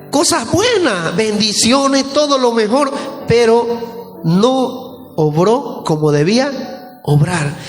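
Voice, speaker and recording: A male pastor with a Bolivian Spanish accent preaching a sermon, explaining scripture and questioning the congregation. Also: very high voice. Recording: echoey church hall with faint music.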